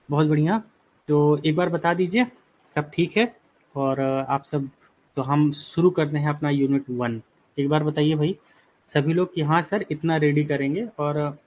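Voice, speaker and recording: A man teaching a live online exam-prep class, reassuring students, reading out their replies and explaining terms slowly with questions he answers himself. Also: a little high. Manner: reassuring, repeats "ठीक है" and "बिल्कुल" while reading out student replies.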